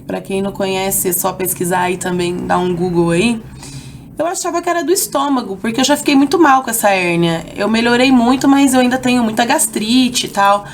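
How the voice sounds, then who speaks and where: A young adult Brazilian woman vlogger telling a personal story in a casual, animated way, jumping higher when quoting herself. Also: a little hiss or hum. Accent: Brazilian Portuguese. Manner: animated, acts out quoted lines with raised pitch.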